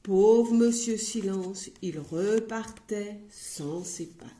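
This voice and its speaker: A woman reading a children's story aloud in an expressive, playful way, recorded in an echoey room. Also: mid-range voice, extremely slow, a little hiss or hum.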